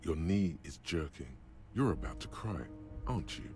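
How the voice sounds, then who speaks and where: A deep, mocking inner-voice narrator. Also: male voice, normal speed. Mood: ominous. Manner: deadpan, mocking second-person narration. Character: ominous male inner-voice narrator. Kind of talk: game narration. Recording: game music behind.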